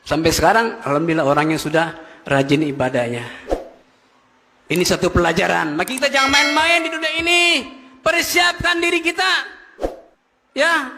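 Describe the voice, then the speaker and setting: Man, preacher, Friday sermon, emphatic storytelling, high-pitched, long hall reverb. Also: moderate pace, pauses often, noisy background. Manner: animated, emphatic storytelling with sudden rises. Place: mosque. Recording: echoey hall.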